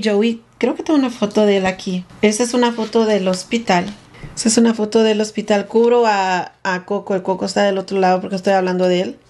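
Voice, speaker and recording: A woman speaks straight to her viewers in a casual story time vlog, her voice set at an ordinary middle pitch for a woman. She retells events in an emotional, somewhat breathless way, circling back and repeating her phrases as she goes. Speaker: vlogger telling her own story.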